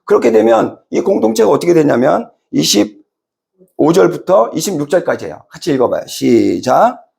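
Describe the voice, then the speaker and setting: Animated Korean pastor with gravelly voice. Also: male voice, normal speed. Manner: animated storytelling, acts out characters with big pitch jumps; conversational, asks the congregation questions. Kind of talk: sermon.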